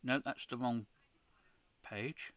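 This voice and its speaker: A British man runs a ham radio channel and talks viewers through a setup one step at a time in a hands-on screen-recorded tutorial, often restarting his sentences. His mid-range voice is fairly bright and steady, and he speaks slowly. The audio is dull with no echo.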